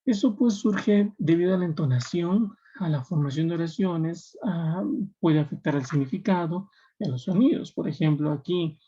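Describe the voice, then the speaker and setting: A man's voice: on the high side, moderate pace, mellow, husky. A man with a Peruvian Spanish accent teaching a class, explaining step by step and often checking in with his students. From Peru. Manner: explanatory, checking in with tag questions. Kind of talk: classroom lecture. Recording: dull lo-fi recording.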